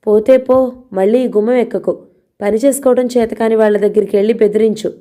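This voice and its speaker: A woman's voice: a little high, fairly even intonation, brisk, dark tone, natural voice. A woman voicing a proud, hot-tempered young woman of the house who scolds sharply. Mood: scolding.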